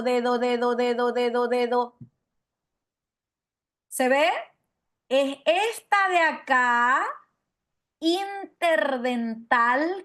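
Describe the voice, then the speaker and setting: A woman teaching phonetics in a virtual class with a fairly high voice. She takes her time, repeating syllables again and again to demonstrate sounds. She pauses often to ask whether her students can see and follow. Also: fairly bright tone. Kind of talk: online phonetics lecture.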